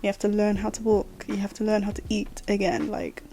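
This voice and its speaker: Here a woman in her late twenties talks alone on her podcast, chatty and rambling, dropping fillers and laughing. She speaks briskly in a warm, medium-pitched voice.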